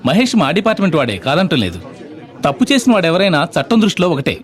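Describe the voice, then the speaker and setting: A brash arresting officer who snaps out threats. His voice is high and lively, and he talks fast. A soft film score runs underneath. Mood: curt. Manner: barks threats. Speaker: police officer.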